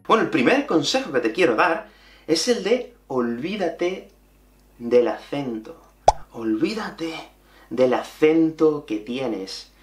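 A young Andalusian man teaching Spanish, his voice swinging up and down as he drives each point home. He sits a little high in pitch, and the room gives him a noticeable echo. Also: slow, over music. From Andalusia, Spain. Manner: animated and emphatic, repeating key points. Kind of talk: lively video lesson.

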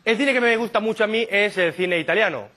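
A man from doing a stand-up comedy monologue, telling absurd stories in a deadpan way and slipping into quick silly impressions. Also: sits high. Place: comedy stage before a live audience.

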